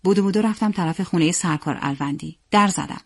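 A woman narrating a story in a steady, plain reading voice. Her pitch sits in the middle for a woman, and she keeps an even storytelling pace. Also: breathy edge, no room sound, clean studio sound.

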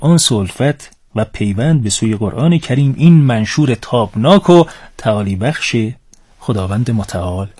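A man hosting a religious radio program in a calm, reverent and courteous way, speaking into a studio microphone. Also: medium pitch, breathy edge. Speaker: radio host.

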